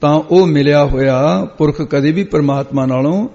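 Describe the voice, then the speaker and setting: A man teaching scripture, unpacking each verse for a student and correcting how words are spoken. His voice sits a little high and mellow. The sound is dull and carries a long hall reverb. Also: normal speed. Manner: explains each line patiently, corrects the student's pronunciation. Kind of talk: line-by-line scripture exposition lesson.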